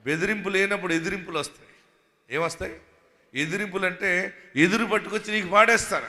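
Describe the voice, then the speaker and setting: A male pastor with a fairly high, bright, forceful voice delivers a sermon. He moves from chatty storytelling with asides into emphatic preaching that swells to shouts. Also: fairly even intonation, fast.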